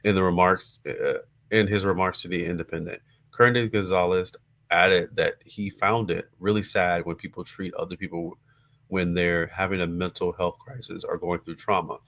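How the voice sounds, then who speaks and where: A man hosting a livestream, reading news articles aloud in a hesitant way, with many fillers and pauses, into his computer's built-in mic. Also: low-pitched, fairly even intonation, a bit bright.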